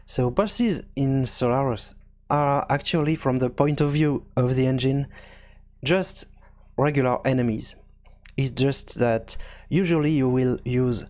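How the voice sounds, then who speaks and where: A man with a medium-pitched voice gives an unscripted software tutorial, explaining each step and often pausing mid-sentence.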